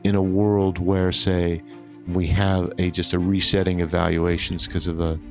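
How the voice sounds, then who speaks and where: A man's voice: low voice, level tone, a little slow, darkish tone, soft background music. A man speaking as an expert guest, explaining in an interview style.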